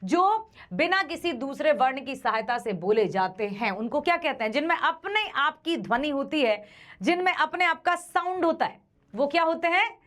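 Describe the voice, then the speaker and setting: High-voiced woman teaching grammar for exams, keeps quizzing the kids, drags out sounds to show them. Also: animated, a bit bright. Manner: quizzes students, repeats sounds slowly to demonstrate. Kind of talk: exam-prep grammar lesson.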